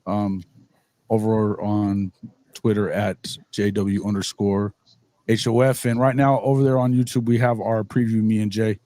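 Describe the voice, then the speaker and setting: A man's voice: lowish voice, little pitch movement, moderate pace, dark tone, no echo. A man guest on a sports podcast, chatting casually about college football recruiting.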